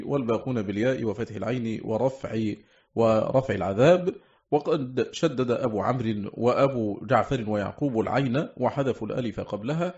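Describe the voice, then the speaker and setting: A man reading a scholarly text aloud in a steady, measured, formal recitation. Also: medium pitch, lo-fi sound. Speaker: audiobook reader.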